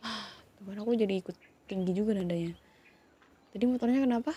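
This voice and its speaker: A woman in a whispered role-play, calmly scolding and soothing two siblings who have been fighting. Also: medium pitch, fast, husky. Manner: scolding yet soothing, questioning. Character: woman calming partner and his younger sibling fighting. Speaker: ASMR roleplay creator.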